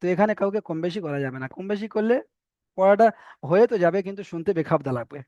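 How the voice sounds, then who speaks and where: A man's voice: high voice, fast, dark tone, no room sound, lo-fi sound. A man teaching an online Quran reading class, patiently repeating letters and vowel marks so students can copy his pronunciation. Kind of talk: online Arabic reading lesson.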